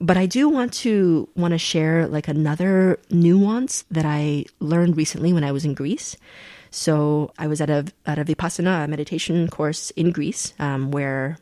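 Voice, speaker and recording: A woman's voice: low-pitched, moderate pace, dark tone, no room sound, studio quality. A young adult woman, born in China and raised in Canada, talking reflectively as a podcast guest, laughing often and restarting her sentences. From born in China, grew up in Canada. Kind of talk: reflective conversational interview.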